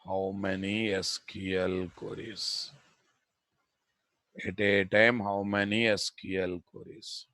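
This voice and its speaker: A man's voice: sits low, flat delivery, takes it slowly, bright, forceful tone, dry recording. A man with a Telugu Indian accent teaching a live programming class as the instructor, repeating his phrases and checking that students follow. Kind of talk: live technical lesson.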